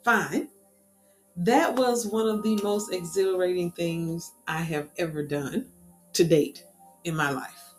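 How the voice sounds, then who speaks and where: Woman telling a story in an echoey room. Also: lowish voice. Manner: lively, animated retelling with quick asides. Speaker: speaker sharing a personal story. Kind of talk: casual storytelling talk. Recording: echoey room with faint music.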